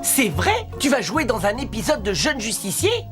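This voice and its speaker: A man's voice: very high voice, wildly swooping pitch, normal speed, exaggerated voice. A man voicing a fussy, good-natured alien sidekick in a cartoon, with a hesitant manner. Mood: surprised, fussy. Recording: music behind the voice.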